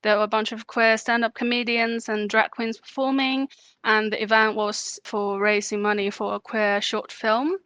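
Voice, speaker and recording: A woman from China, a podcast guest answering in a relaxed way with light laughter. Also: fairly high pitch, moderate pace, smooth, no echo. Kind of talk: casual interview answers.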